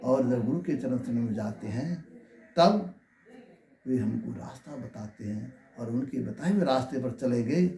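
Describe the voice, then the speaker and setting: A man's voice: medium pitch, mellow. A man preaching a devotional sermon in the manner of a wise sage, instructing and telling stories. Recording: echoey, reverberant room.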